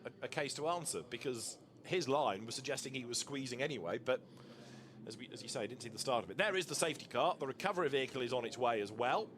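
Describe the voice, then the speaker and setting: A man's voice: mid-range voice, expressive, fast talker. A man giving live motorsport commentary, describing the action in flowing, vivid phrases as a race commentator. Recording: loud engine and outdoor track noise. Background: racing cars and trackside ambience.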